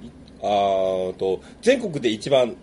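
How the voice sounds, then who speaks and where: A man speaking casually as a guest, with hesitant, halting phrasing. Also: fairly low pitch, sing-song, dark tone, a little hiss or hum. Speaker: podcast guest, rice ambassador. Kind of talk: casual interview talk.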